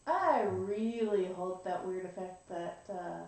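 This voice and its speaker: A woman's voice: lowish voice, expressive, slow, darkish tone. Echoey distant woman player. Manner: casual, wry. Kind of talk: tabletop role-play. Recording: very echoey, far from mic.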